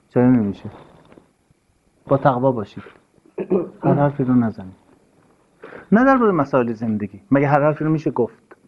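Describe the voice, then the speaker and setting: Man giving a sermon, earnest and insistent, keeps repeating himself, muffled old-sounding recording. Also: medium pitch. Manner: earnest, emphatic, repeats key phrases. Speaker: religious speaker. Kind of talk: sermon-style talk on marriage. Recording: dull lo-fi recording.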